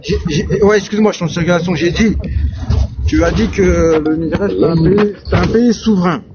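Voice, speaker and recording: A man in a debate calls in from traffic, halting and repeating himself. His voice is fairly high. The line is dull and lo-fi with loud traffic noise behind him. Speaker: debate participant.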